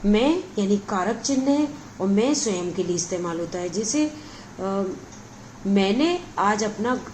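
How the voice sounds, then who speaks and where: A woman's voice: mid-range voice, expressive, measured pace, a little mellow, slight background noise, poor audio. A woman teaching a grammar lesson, explaining each point patiently and checking in with her listeners again and again. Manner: patient, repeats words and adds frequent check-ins.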